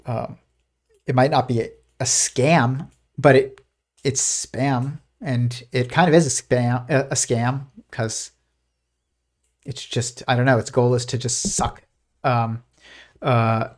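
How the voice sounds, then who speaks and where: A darkish, medium-pitched voice, steady in tone and slow in pace, comes from the host of a live physics show. His casual rambling is full of fillers and restarts, and he mimics a posh old-timey voice while quoting.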